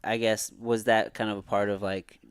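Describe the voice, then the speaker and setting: Man, low voice, podcast host, laid-back, short replies, headset mic. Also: level tone, moderate pace, clear, resonant tone, dry recording. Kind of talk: casual interview.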